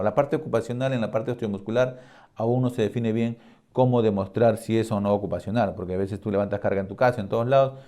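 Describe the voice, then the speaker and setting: A man's voice: mid-range voice, mellow. A man teaching workplace safety in a conversational lecture, telling a story and often checking in with his listeners. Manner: conversational, with fillers and checking questions. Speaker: safety instructor.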